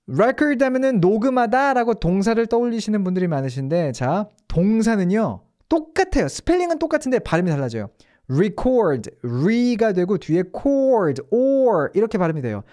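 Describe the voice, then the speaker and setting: A man's voice: sits high, darkish tone. A man teaching English in Korean in a casual online lesson, explaining step by step with rhetorical questions.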